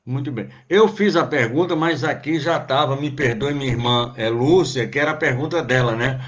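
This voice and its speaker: A man's voice: mid-range voice, moderate pace, fairly bright tone, dull audio. A man with a Brazilian Portuguese accent, a radio host who reads out listener questions with many fillers and apologies.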